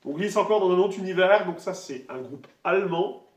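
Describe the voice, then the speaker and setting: A man casually presenting his vinyl records one by one, talking in a relaxed, halting way with many fillers. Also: sits high. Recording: roomy echo, voice a bit far from the mic.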